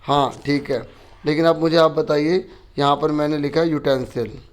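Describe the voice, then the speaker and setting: Man teaching a worksheet, fairly high voice. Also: steady tone, moderate pace. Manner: patient, asks questions and answers them himself. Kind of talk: explaining a school worksheet.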